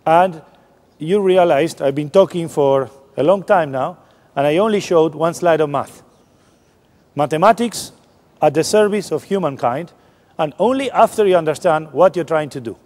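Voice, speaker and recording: In a large lecture hall with long reverb, a man gives a public science lecture, explaining things informally and often restarting sentences. His voice is on the high side and a little mellow, at normal speed.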